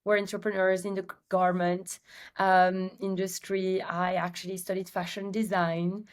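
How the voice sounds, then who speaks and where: A woman from Belgium with a Belgian accent, a company's CEO and guest on an interview podcast, telling her story in a lively way with many filler ums. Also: mid-range voice, moderate pace. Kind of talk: casual interview chat.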